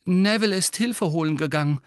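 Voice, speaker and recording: Man reading scared teenage boy, higher voice, stammering, shaky, audiobook. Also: a little fast, dry recording, studio quality, lightly acted. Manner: unsure, trembling, stammering. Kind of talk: audiobook character voice.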